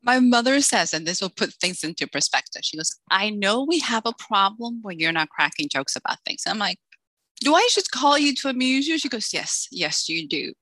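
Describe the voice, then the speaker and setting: Her voice is mid-range at a normal speed, captured in a dry recording, as this author guest from the Dominican Republic chats casually in an interview. She's lively and joking, imitating the quoted voices of people from her stories.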